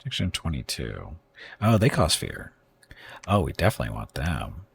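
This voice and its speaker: A man with a very deep, gravelly voice thinks aloud while playing a strategy game on a live stream. He pauses, hesitates and corrects himself as he weighs his next moves. A faint hiss sits under the recording. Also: very animated. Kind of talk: casual gameplay commentary.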